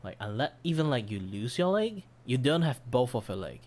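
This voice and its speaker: A man's voice: mid-range voice, very animated, normal speed, a little mellow. A man chatting casually on a livestream in a rambling, self-deprecating way, his voice starting to give out. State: losing his voice. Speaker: streamer, commission artist. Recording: background music under voice. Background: background music.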